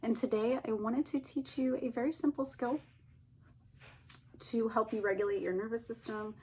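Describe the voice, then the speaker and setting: A woman therapist calmly and gently guiding listeners through a grounding exercise. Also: fairly high pitch, normal speed, a little hiss or hum. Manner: calm, gently instructing. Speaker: therapist teaching a technique. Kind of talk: calm guided grounding exercise.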